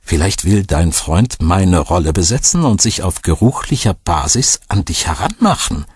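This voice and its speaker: A man reading an audiobook voices a suspicious, sharp-tongued woman who pries into everything, lifting his deep, husky voice higher for her. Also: expressive, normal speed, dry recording, studio quality, exaggerated voice. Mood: brooding. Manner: suspicious and prying, sometimes delighted.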